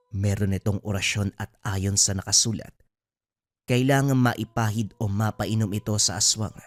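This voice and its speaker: A man narrating a horror story in a steady, solemn storytelling manner. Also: lowish voice, no echo.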